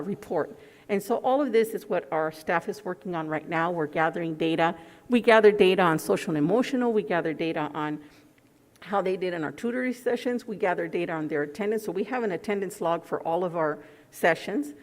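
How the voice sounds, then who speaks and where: A woman's voice: on the low side, fairly quick, darkish tone. A woman talking through a face mask, giving a formal presentation and answering questions as a school program presenter. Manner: speaking through a face mask, slightly muffled. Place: large indoor board meeting room. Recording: echoey meeting hall.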